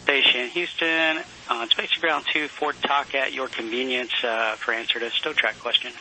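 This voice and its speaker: A man's voice: medium pitch, steady tone, normal speed, bright, forceful tone. A man working as a mission control communicator, speaking in formal procedural calls and readbacks over a hissy space radio link. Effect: crackly space radio link.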